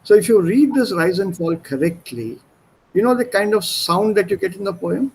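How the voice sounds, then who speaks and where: A man teaching an online German class on a video call, drawing out words slowly as he quizzes students on stress, and switching between German and English. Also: sits high, expressive, vocal fry, low-quality recording.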